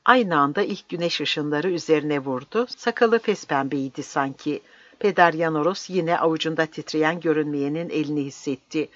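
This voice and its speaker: Measured, serious audiobook narrator. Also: medium pitch, no room sound. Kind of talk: scripted narration of a novel. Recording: dry, slightly dull lo-fi audio.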